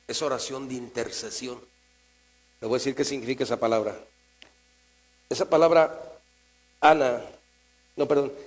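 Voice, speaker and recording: Mexican-accented male pastor, mid-pitched, conversational preaching that swings quiet to emphatic, low electrical hum under it. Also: poor audio. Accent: Mexican Spanish. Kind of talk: sermon. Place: church. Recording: mains hum in the background.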